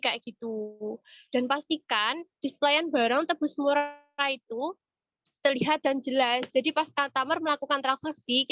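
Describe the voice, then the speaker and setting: This webinar presenter and retail trainer, who has a cold and cough, talks informally to her online audience and keeps checking in with them. Her high voice is a bit bright, and there's no echo, though the meeting audio comes through dull and muffled.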